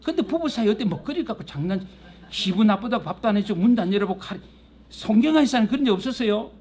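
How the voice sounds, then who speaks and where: A middle-aged male pastor teaching a Bible class in a church classroom, lively and teasing, acting out quarrels and God's voice. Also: high voice, fast talker.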